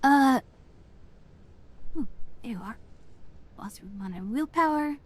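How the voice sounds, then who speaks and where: A woman's voice: sits high, lively intonation, slow. A woman livestreaming a game in a cute anime-streamer manner, chatting casually as a witch persona. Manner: reads titles aloud and murmurs reactions to them. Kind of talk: casual livestream chat while playing.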